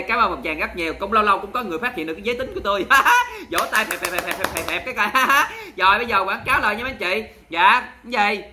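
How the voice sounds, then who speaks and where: A man's voice: high voice, sharp tone. A man with a Southern Vietnamese accent hosting a charity livestream, chatting with viewers in a sassy, dramatic way and scolding them in jest. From Mekong Delta, Vietnam. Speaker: livestream host.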